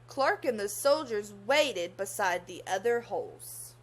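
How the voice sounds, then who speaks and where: Her medium-pitched voice has lively intonation as this young woman reads a children's story aloud expressively. She acts like a teacher, stopping to ask the kids questions.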